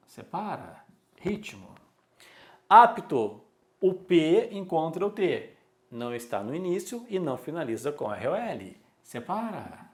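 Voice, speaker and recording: A man, teaching a recorded exam-prep lesson and repeating key words for emphasis. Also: fairly high pitch.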